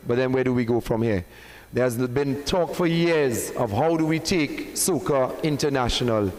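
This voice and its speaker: A man's voice: medium pitch, a little mellow, low-quality recording. A man with a Trinidadian accent presenting at a press conference. He is a performing artist who builds up each reveal with emphasis and banters with the room.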